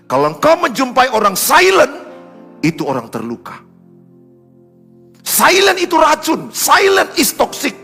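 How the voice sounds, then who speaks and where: A middle-aged male pastor preaching a sermon, swinging between loud urgent exhortation and soft, confiding asides. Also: very high-pitched.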